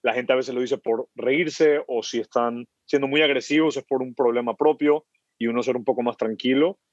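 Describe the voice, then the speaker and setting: In a casual podcast interview, a male Ecuadorian startup founder talks at a moderate pace with a mid-range voice and fairly even intonation. He repeats words often while thinking aloud. The audio is dry, with a dull, muffled quality.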